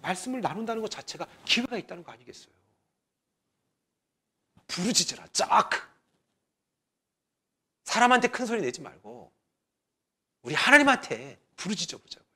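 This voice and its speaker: A man pastor preaching a Sunday sermon in a chatty way, dropping at times to a near whisper and rising to loud exhortation. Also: high voice, sing-song, moderate pace, pauses often, slightly rough.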